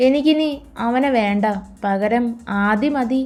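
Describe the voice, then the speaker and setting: A woman's voice: on the high side, slow, darkish tone. A woman voicing a petulant, spoiled young woman in a storybook audio drama, speaking in a whiny, sulky way.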